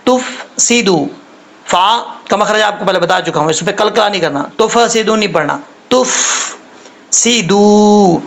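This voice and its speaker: A man gives a recitation lesson in a high voice with a gravelly rasp. He explains each sound patiently and repeats himself. He slows right down to model the words he teaches. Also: fairly bright tone, low-quality recording. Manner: patient, repetitive instruction, models sounds slowly. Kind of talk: step-by-step pronunciation lesson.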